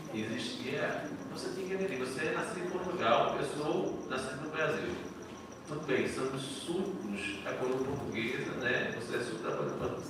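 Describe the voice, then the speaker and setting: A man, a history professor speaking informally at a panel, enthusiastic and conversational, often restarting his sentences. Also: medium pitch. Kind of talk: informal academic talk at a panel. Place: lecture hall. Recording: echoey hall, distant mic, background noise.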